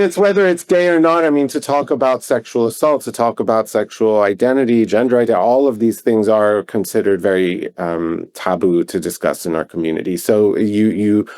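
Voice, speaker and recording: A man's voice: fairly low pitch, dark tone. A man, a podcast guest, talking casually with an urging, joking energy.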